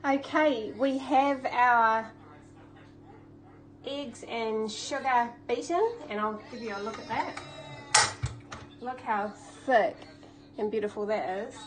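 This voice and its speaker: A woman's voice: on the high side, slow pace, pauses often, low-quality recording. A woman, hosting a baking channel and talking through a recipe step by step in a chatty, upbeat way in her home kitchen. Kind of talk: casual cooking demonstration.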